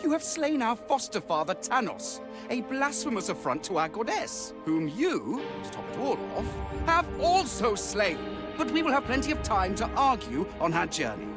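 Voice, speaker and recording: A self-righteous young elf hero for a video game. His high voice is animated and prim, with formal, preachy phrasing. Loud music plays behind him. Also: normal speed. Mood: accusing, righteous.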